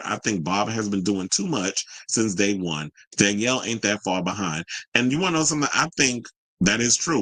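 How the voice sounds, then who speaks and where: A man's voice: mid-range voice, a bit bright, breathy edge, no echo, poor audio. A man giving casual reaction commentary in a colloquial way, retelling what people said and acting out their quotes. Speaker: commentator recapping a reality show and reading viewer reactions.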